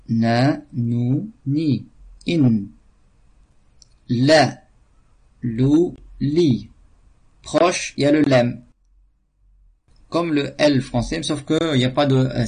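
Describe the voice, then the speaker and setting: A man teaching Arabic letter sounds, talking slowly, with many hesitations and repeated syllables. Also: medium pitch, a little mellow, breathy edge. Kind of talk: pronunciation lesson.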